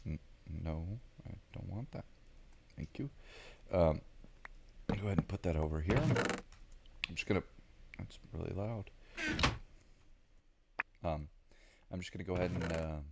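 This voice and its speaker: A man's voice: low voice, gravelly, darkish tone, a little hiss or hum. A man with a Southern American accent giving casual, rambling gameplay commentary, thinking aloud with lots of ums. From Southern United States. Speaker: gaming video creator.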